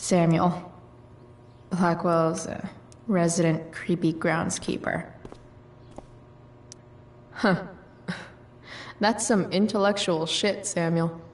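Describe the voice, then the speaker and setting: A woman's voice: on the low side, steady tone, extremely slow, long pauses, distant mic. An actress playing a guarded, rebellious teenage girl in a video game, with a dry, sarcastic, slangy delivery. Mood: sardonic.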